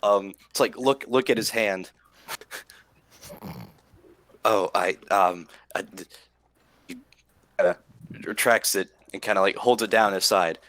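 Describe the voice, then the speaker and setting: Low-voiced man running the game. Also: takes it slowly, pauses often, fairly bright tone. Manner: rambling with fillers, laughs often. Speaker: dungeon master. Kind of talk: narrating a tabletop game.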